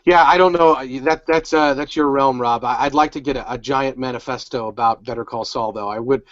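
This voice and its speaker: A man's voice: mid-range voice, fairly even intonation, fairly quick, a bit bright, dry recording. A man co-hosting a casual recap podcast, talking in a rambling, upbeat way full of restarts. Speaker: podcast co-host. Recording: dull, dry home recording.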